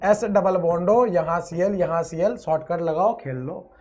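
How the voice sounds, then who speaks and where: Lively, playful man teaching chemistry. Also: high-pitched, normal speed. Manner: energetic and playful, stretching out words and chanting repeated phrases; swings between loud outbursts and quiet asides. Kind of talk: online exam-prep lecture.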